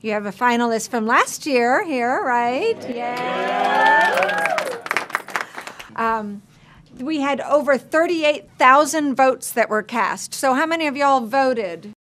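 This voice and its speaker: A woman from a sponsoring company announcing student film contest finalists to high school classes in an upbeat, congratulatory way. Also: big pitch swings, slow, a bit bright, a faint crowd, slight background noise. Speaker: sponsor representative.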